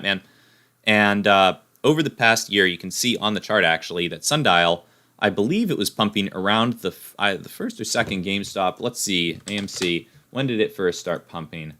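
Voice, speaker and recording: A man's voice: on the low side, fairly bright tone. A man hosting a live stock-market stream, chatting casually and reading out viewer comments, thinking aloud as he goes. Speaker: stock livestream host.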